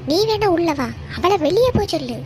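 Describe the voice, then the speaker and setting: A woman doing a very high-pitched cartoon housewife, Kanyakumari Tamil accent, sharp-tongued and fiery, faint hiss behind. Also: very animated. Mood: angry. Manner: scolding, threatening, fast temper.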